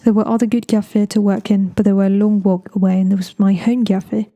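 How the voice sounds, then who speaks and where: English woman narrating an audiobook, deadpan and measured, very dark mellow timbre, mid pitch.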